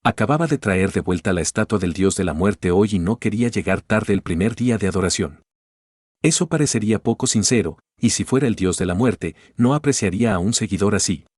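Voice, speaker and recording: A man narrating a light novel as an audiobook, in a steady, even reading. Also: on the low side, fairly quick, husky, no echo, clean studio sound.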